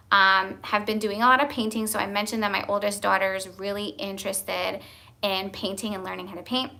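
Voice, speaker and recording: A woman's voice: mid-range voice, pushed and bright. A young woman, a homeschooling mom, chatting candidly from home and laughing now and then as she tells family stories. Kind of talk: casual chat.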